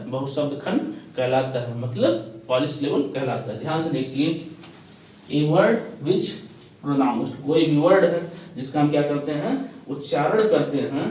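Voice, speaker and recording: A man's voice: on the high side, darkish tone. A male English teacher lectures a class. He asks questions and answers them himself, repeating the key terms. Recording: very echoey classroom, mic at a distance.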